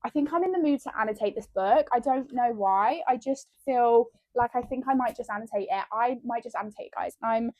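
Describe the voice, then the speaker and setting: A chatty woman talks straight to her viewers in a casual book vlog, excitable and rambling. Her voice sits a little high. The sound is close and dry, with almost no room in it. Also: fairly quick, hardly any pauses, no echo. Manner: chatty and excitable, keeps addressing viewers as guys. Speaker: book vlogger. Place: room at home with window open.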